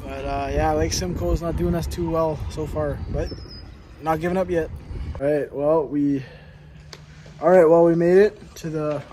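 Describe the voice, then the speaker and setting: Young host filming a fishing trip with his phone, high-pitched voice, with wind and engine noise behind it. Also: steady tone, normal speed, mellow, poor audio. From Canada. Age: young adult. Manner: joking, mock-review delivery. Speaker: vlog host. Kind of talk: casual fishing vlog commentary. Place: outdoors on a lake and in a car. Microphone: handheld phone camera at arm's length.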